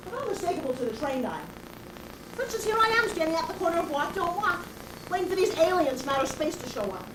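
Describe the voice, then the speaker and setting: An actress performs a comic stage monologue as a raspy, brash bag lady who confronts passersby directly and rambles philosophically. Her voice is very high and swings wildly up and down. The recording sounds distant and echoey, with a constant hiss underneath.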